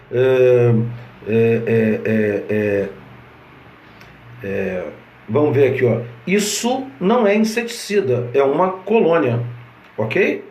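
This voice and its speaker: A man's voice: fairly high pitch, echoey room. A man explains grammar over slides in a conversational way, often checking in with his listeners. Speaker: teacher.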